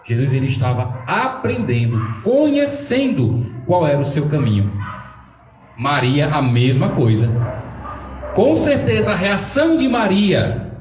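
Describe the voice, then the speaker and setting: Religious brother teaching Bible study, lively pitch, a bit high, distant and roomy. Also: male voice, a little slow. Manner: animated, acts out dialogue in his stories. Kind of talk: Bible study talk with storytelling. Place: chapel. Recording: echoey chapel, distant mic, dull sound, faint noise.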